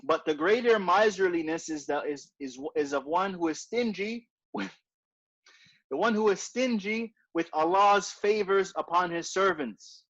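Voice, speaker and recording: High-pitched and a bit bright, this man leads a casual religious lesson in a chatty style, going over his points again and again and frequently checking in with "right?" The audio sounds dull and lo-fi.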